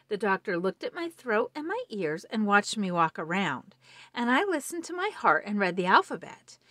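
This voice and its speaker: A woman voicing a huge, gentle young male bird in a storybook, sounding polite, proud and eager. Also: mid-range voice, big pitch swings, normal speed, no room sound.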